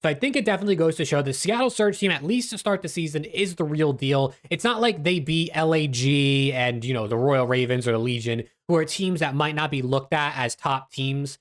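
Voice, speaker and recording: A man with a slightly high voice hosts a casual esports recap. His speech is a little restricted, as he has stitches in his mouth after dental surgery. He talks through team form and player numbers in an informal commentary style. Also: fairly quick, few pauses. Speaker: esports recap video host. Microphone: webcam video setup.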